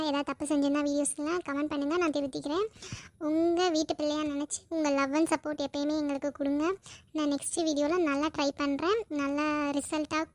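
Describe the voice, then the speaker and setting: A woman's voice: sits high, darkish tone, no echo. A woman, the channel's creator, giving a casual sign-off to viewers, earnestly and repeatedly asking for love and support. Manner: earnest, repetitive pleading for support.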